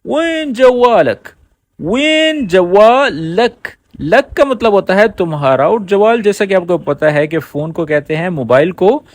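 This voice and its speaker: A man teaching spoken Arabic, repeating each phrase slowly and explaining it word by word. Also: high-pitched, sing-song, a little mellow, no echo. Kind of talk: language lesson.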